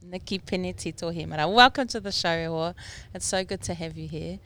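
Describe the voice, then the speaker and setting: A woman's voice: on the low side, a little fast, a bit bright. A woman hosting a casual podcast interview in a Māori New Zealand English accent, informally mixing te reo Māori words into English. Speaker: podcast host.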